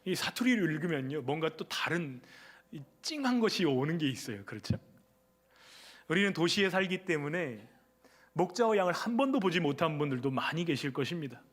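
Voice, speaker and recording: Male pastor, fairly high voice, chatty sermon style with questions to the pews. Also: sing-song, brisk. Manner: conversational, asks the congregation questions. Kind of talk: Sunday sermon. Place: church sanctuary.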